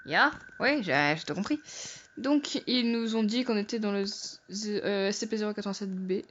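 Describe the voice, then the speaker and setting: A young woman commenting as she plays a horror game, jokey and frightened, swearing and shouting when startled. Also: medium pitch, normal speed, highs cut off, a little hiss or hum. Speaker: gamer.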